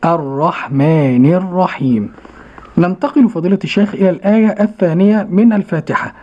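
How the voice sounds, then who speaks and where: A man's voice: sits high, very fast. Formal man hosting a radio lesson. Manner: formal and courteous, repeats phrases after the teacher. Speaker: radio program host. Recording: dull lo-fi radio recording.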